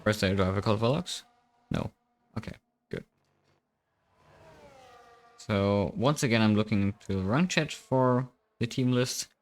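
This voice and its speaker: A man's voice: fairly low pitch, expressive, moderate pace, long pauses. Young guy doing casual sim racing commentary on a stream, rambly and jokey, desk mic. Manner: chatty, self-mocking, thinks aloud. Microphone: desk microphone.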